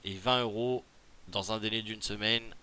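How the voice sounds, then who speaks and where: A Quebec French man walks viewers through a game promotion, reading the rules and then breaking off into loose, chatty asides. His voice sits fairly low but sounds bright and forward. A faint hiss runs under the recording. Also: steady tone, normal speed. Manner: reads rules aloud then chats loosely, fillers and asides. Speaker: gaming video creator. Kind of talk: casual tutorial commentary.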